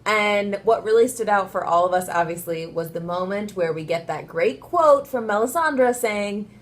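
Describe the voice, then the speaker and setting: A woman co-hosting a casual chat, upbeat and quick to giggle. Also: medium pitch, animated. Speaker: co-host.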